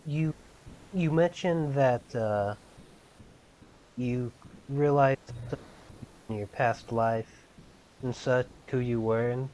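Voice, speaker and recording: A man's voice: mid-range voice, slow, long pauses, a little mellow, a little hiss or hum, rough recording. A young man hosting a casual podcast interview, asking his questions hesitantly with lots of fillers. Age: young adult. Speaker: podcast host.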